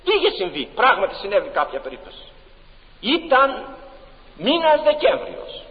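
High-voiced guy preaching hard in church, fiery and emphatic, big echoey hall. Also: wildly swooping pitch. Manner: impassioned, emphatic, rhetorical questions. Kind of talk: sermon. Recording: dull, long-reverb church recording.

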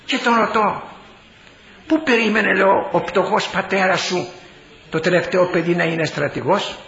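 Older male bishop, fiery sermon, repeats phrases, high bright voice, dull echoey hall recording. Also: steady tone, gravelly, slight background noise. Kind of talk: impassioned sermon-style speech. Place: large hall.

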